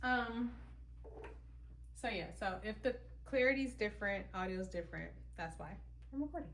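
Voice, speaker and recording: Talking to camera indoors at home, a content creator vlogs her routine in a chatty, rambling way, breaking into her own thoughts as she thinks aloud. She sounds tired and at times out of breath, her mid-range, fairly bright voice lively and moderately paced over slight background noise.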